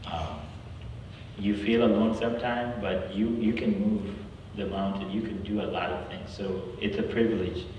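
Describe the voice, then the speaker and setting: A man's voice: on the low side, flat delivery, lo-fi sound, slight background noise. Earnest man heard from far off in an echoey hall. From South Sudan. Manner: earnest, halting, with restarts and exclamations of "wow". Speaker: guest speaker. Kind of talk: campus talk with prayer and personal story. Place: large hall.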